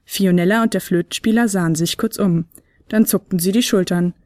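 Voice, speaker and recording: A woman narrating a children's advent story in a clear, steady storytelling voice. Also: on the low side, brisk, no echo, studio quality.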